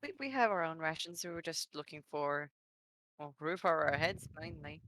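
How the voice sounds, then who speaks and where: A woman with a low-pitched voice plays in a tabletop game. She speaks casually to the game master. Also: expressive, normal speed, fairly bright tone, no room sound. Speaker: player.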